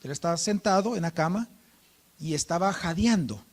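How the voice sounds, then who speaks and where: A man preaching a sermon at church, telling a personal story and softly acting out quoted dialogue. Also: high-pitched, animated, moderate pace. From Guatemala. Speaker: pastor.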